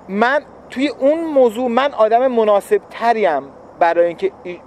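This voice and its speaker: Brief: man, high tenor, casual reflective talk to camera, faint hum behind. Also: darkish tone. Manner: reflective, explanatory, repeats for emphasis. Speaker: husband explaining relationship advice.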